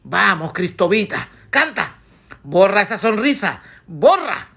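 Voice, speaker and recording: A woman voicing a jealous wife who scolds her husband in shrill, sarcastic rhymed verse for a comic piece. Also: sing-song, a little slow, creaky, fairly bright tone, slightly rough, heavily acted. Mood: scolding.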